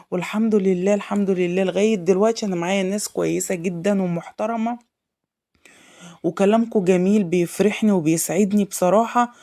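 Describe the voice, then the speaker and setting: An Egyptian woman with a sore throat talks quickly in a mellow, darkish voice. She chats effusively at home for her vlog. She keeps repeating her thanks and oaths. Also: mid-range voice. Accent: Egyptian Arabic. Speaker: homemaker vlogger. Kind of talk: casual home vlog chat.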